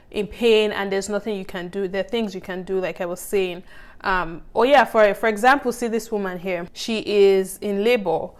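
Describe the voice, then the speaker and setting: A woman teaching a childbirth course in a casual, conversational lecture, reassuring her listeners and often checking in with them. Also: medium pitch. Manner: many fillers and restarts.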